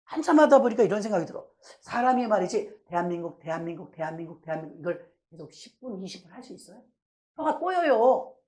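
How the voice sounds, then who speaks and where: A middle-aged woman pastor giving a sermon testimony, telling her story with lively acted-out prayers. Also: a little high, a little fast. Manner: animated storytelling, acting out her own past prayers.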